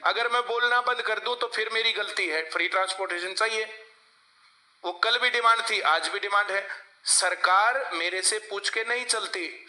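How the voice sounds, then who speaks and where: A man's voice: high voice, sharp tone. A male coaching teacher, lecturing a class and often asking the students to answer him. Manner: lecturing, asks class for replies.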